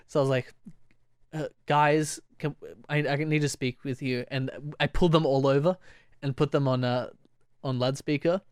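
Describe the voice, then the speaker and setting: A man's voice: medium pitch, fairly even intonation, moderate pace, clean tone, no room sound, clean studio sound. A young man co-hosting a podcast, telling stories in a rambling way, laughing often and acting out quoted voices. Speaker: podcast co-host. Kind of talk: casual chat.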